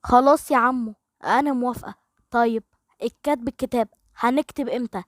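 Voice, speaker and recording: A woman voicing a feisty, sharp-tongued young woman who talks boldly and teasingly, with an Egyptian Arabic accent. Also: a little high, brisk, dry recording, studio quality, natural voice. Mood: earnest. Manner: bold and teasing.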